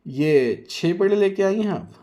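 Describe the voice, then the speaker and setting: A man voicing a loud, rude and boastful woman who scolds and taunts everyone in a storybook tale. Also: sits high, animated, unhurried, pitched above the performer's own voice. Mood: taunting.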